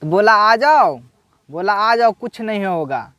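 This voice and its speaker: A man retelling a devotional folk tale in casual speech, unhurried and halting, acting out the characters' quoted lines. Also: sits high, lively intonation, sharp tone, no echo. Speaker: storyteller. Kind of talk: casual spoken religious story.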